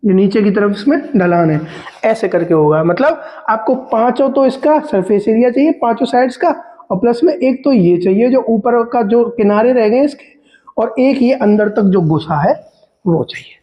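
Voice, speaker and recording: A man teaches maths in a talkative way, working through calculations on a board step by step, calling his students "beta," and answering his own questions. His high, mellow voice is expressive and moderately paced, and the recording is rough.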